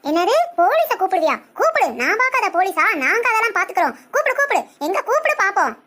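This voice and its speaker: A woman voicing a sharp-tongued, boastful older aunt in a comedic cartoon, scolding and quick with insults. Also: very high voice, very animated, exaggerated voice. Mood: brash, scolding.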